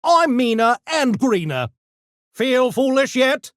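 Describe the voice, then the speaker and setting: A man's voice: very high voice, big pitch swings, slow, no echo, clean studio sound, exaggerated voice. A man playing a small, smug, erudite gremlin genius in a video game, with pompous, wordy, mock-genteel diction and mischievous menace. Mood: excited, theatrical. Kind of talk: video game character voice lines.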